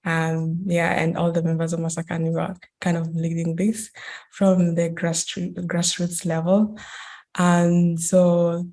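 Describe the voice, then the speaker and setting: A young woman from Kenya gives a talk over a video call, her low, mellow voice touched with vocal fry. She speaks slowly and evenly, pausing and restarting often. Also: completely flat delivery. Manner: hesitant, many fillers and restarts. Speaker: guest speaker. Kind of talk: online academic talk.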